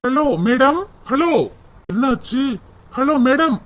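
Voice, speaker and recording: A cartoon office manager, a man who starts formal and polite and keeps losing patience with a dreamy applicant, as a woman acts him out. His voice is on the high side for a man. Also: takes it slowly, music in the background. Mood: exasperated. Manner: exasperated, formal. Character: polite but exasperated male office manager. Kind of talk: cartoon voice acting.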